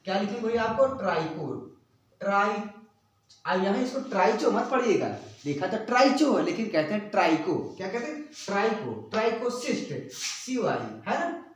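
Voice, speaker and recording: A man teaches a biology lesson at a board, repeatedly asking and re-asking rhetorical questions to quiz students and spelling terms out letter by letter as he writes. His voice sits high and sing-song at a normal speed. He's recorded from a distance, speaking away from the mic in a very echoey room.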